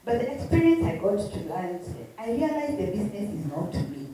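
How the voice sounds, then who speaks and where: Woman, Kikuyu Kenyan accent, mellow tone, emphatic interview guest, rhetorical questions, heavily echoing room. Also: mid-range voice, big pitch swings, a little fast. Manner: emphatic, repeats phrases, asks rhetorical questions. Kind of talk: animated motivational interview talk. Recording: very echoey room, distant mic, faint noise.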